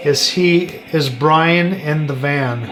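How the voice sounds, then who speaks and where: A man hosting a paranormal session, putting short, deliberate questions to a spirit with long pauses between them. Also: on the high side, over loud music. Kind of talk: slow, pausing questions addressed to a spirit.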